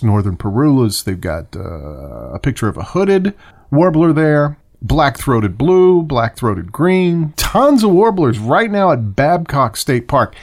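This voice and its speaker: A man hosting a casual birding podcast, talking in a rambling, chatty way with self-corrections and short rants. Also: mid-range voice. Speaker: podcast host. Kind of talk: casual solo podcast talk.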